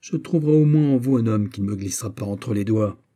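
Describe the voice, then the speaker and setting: Casting: male reader doing a sneering young courtier with a dark, husky voice, mocking then exasperated. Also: fairly low pitch, fast, close to an everyday voice.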